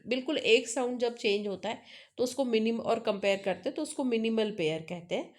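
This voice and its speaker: Slow, high-pitched teacher with an Indian accent. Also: female voice, darkish tone. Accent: Indian English. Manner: explains step by step, mixing Hindi and English, checks understanding with tag questions. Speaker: English teacher. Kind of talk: classroom lecture on phonology.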